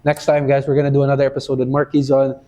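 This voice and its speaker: A man's voice: mid-range voice, completely flat delivery, rapid-fire, mellow. A man hosting a podcast in casual chat, talking loosely with lots of "you know" fillers. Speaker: podcast host. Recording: dull lo-fi sound.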